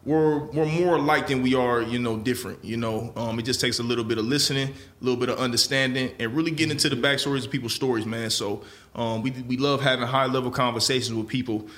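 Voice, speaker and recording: A man hosting a podcast, talking in a relaxed, casual way and often tossing in filler phrases while he speaks. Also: mid-range voice, quick pace. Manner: laid-back, repeats "man" and "you know what I'm saying". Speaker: podcast host.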